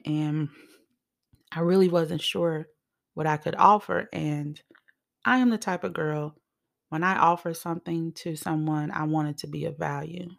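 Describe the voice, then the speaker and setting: A woman from Chicago hosting her own podcast as a psychic medium, talking chattily and excitably straight to her listeners. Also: sits low, vocal fry. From Chicago, United States. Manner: chatty and excitable, addresses listeners directly with "honey" and "you guys". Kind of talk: casual solo podcast talk.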